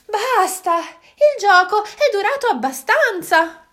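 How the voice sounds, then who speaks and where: A woman's voice: very high-pitched, lively intonation, slow pace, fairly bright tone, pitched above the performer's own voice, exaggerated voice. A woman voicing the moon in a children's story, a haughty female figure tired of a game. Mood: irritated. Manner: haughty, impatient. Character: proud, bored female moon.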